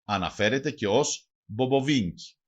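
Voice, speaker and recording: A man narrating a language lesson from a script. He reads each word and then its translation in a measured teaching cadence. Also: medium pitch, lo-fi sound.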